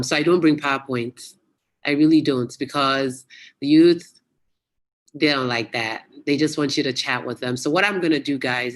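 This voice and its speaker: A guest speaker giving a casual, chatty motivational talk to young people over a video call, telling stories with lively exclamations. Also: medium pitch. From United States. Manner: chatty, animated storyteller with local exclamations. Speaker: guest speaker at youth webinar.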